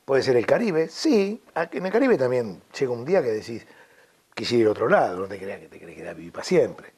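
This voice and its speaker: A middle-aged man with a Rioplatense accent talks through old radio memories in a relaxed, chatty interview. His voice is husky and somewhat breathy, and he sits at an ordinary mid pitch. He tells his stories with energy, sometimes slipping into mock announcer voices. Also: brisk. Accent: Rioplatense Spanish. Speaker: radio host guest. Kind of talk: casual interview chat.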